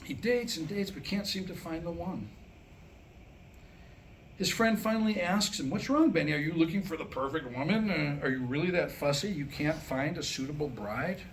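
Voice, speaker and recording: Here a man whose voice runs a little high tells jokes at a moderate pace to a small live crowd, sounding chatty and dry. The staged reading before listeners is poorly recorded, with a faint hum of background noise.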